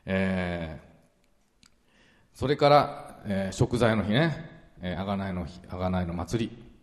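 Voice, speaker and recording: Deep-voiced man preaching in a reverberant hall. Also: takes it slowly. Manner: relaxed, chatty, many fillers and asides. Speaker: pastor. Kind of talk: conversational Bible teaching sermon. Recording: long reverberant hall sound.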